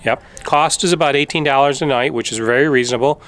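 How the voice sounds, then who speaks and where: A man's voice: mid-range voice, fast talker. Middle-aged man chatting on a travel vlog. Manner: relaxed, informative, with fillers. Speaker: travel vlogger. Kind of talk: casual travel vlog chat. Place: outdoors by a desert lake and campground. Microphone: camera held at arm's length.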